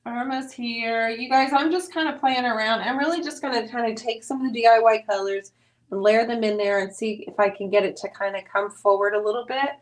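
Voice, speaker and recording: A woman's voice: fairly high pitch, fairly quick. A woman hosting a live painting stream, chatting casually, greeting viewers by name and teasing her husband as she works.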